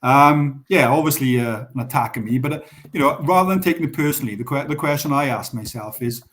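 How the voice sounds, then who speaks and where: A man's voice: medium pitch, fast talker, a bit bright. A man with a Welsh accent, a guest in a live Q&A, explaining at length with frequent restarts. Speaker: guest on a pigeon racing show. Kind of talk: live Q&A discussion.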